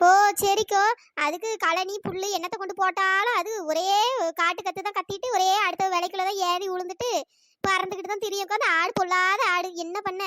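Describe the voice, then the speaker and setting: A squeaky cartoon village auntie. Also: female voice, steady tone, brisk, bright, forceful tone, no room sound, studio quality. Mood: grumbling chat. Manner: scolding, exasperated. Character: chatty village woman, elder sister type. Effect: pitch-raised cartoon voice. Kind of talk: cartoon storytelling.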